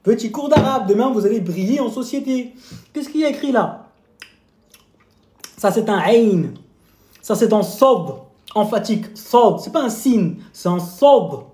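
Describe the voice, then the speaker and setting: A fitness coach chats casually on a live stream while eating, talking with his mouth full and teasing viewers with playful mock lessons and quizzes. His high voice has a dark tone and lively intonation, and he speaks unhurriedly with long pauses in an echoey room.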